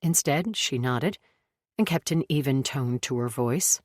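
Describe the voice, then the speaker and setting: A woman narrating a thriller audiobook in a measured, even way. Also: a bass voice, dry recording, studio quality. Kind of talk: scripted narration.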